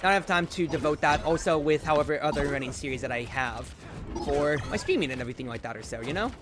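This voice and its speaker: A man streaming a game, chatting casually and rambling, with loud outbursts when the play gets exciting. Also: fairly high pitch, fast talker, music in the background. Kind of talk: casual gameplay commentary.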